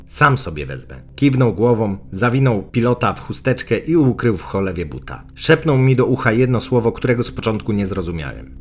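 A man reading a first-person memoir aloud as an audiobook, with expressive, wry storytelling. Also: mid-range voice. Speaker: audiobook narrator.

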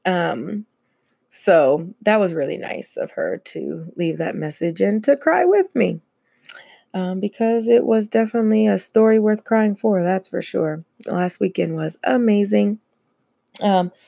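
A woman's voice: medium pitch, creaky, warm tone, dry recording, studio quality. A woman hosting her own podcast, talking casually and laughing often between many fillers. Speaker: podcast host. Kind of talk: casual solo podcast chat.

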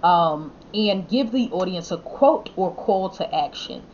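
A woman with a notably low voice hosts a relaxed podcast conversation, warmly thanking her guests and easing between thoughts with fillers. The audio is a bit dull and lo-fi, with a faint rumble underneath. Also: a little slow. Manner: affirming, thankful, loose with fillers. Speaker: podcast host.

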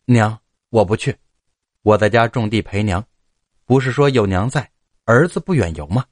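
A man's voice: on the low side, normal speed, no echo, clean studio sound, lightly acted. A man voicing an honest, simple young man in his twenties who talks in a plain, earnest way.

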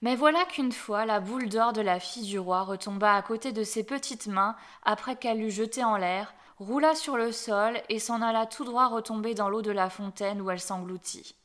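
A woman reading a fairy tale aloud as storyteller, gentle and dropping softly at the ends of phrases. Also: fairly high pitch, moderate pace, few pauses.

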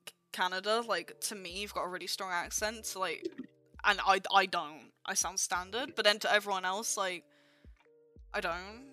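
A woman's voice: mid-range voice, fairly even intonation, normal speed, bright, forceful tone, soft background music. A young woman chatting casually as a podcast co-host, stammering through restarts and using slang. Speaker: podcast co-host, channel moderator. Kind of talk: casual chat.

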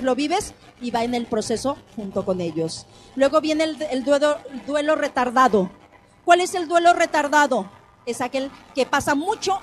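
A middle-aged Mexican woman hosting a radio talk on grief, animated, repeating phrases for emphasis and asking the listeners questions. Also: high voice. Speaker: radio host and thanatology speaker.

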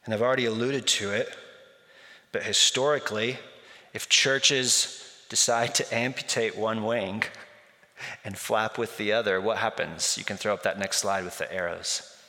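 A man's voice: fairly low pitch, steady tone, normal speed, pushed and bright, long reverb tail. A man preaching a sermon as pastor, in a conversational storytelling way, recorded in a church sanctuary.

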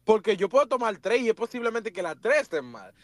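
A man who photographs at church, telling lively stories in a casual podcast chat and imitating camera clicks. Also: sits high, fairly quick, no room sound.

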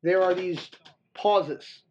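A man's voice: high voice, fairly even intonation, extremely slow, a little hiss or hum. A man co-hosting a podcast in casual chat, opinionated and joking in his commentary. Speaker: wrestling podcast co-host. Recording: dull, lo-fi audio.

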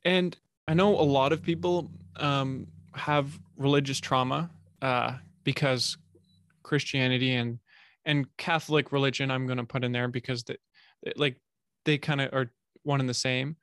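A man's voice: medium pitch, steady tone, moderate pace, a bit bright, no echo. A man hosting a podcast in a casual interview, talking in a candid, conversational way. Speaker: podcast host.

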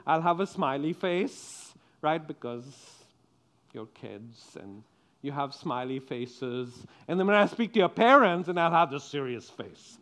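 A man's voice: fairly high pitch, smooth. A man giving a playful children's sermon as pastor, coaxing the kids and the congregation with questions.

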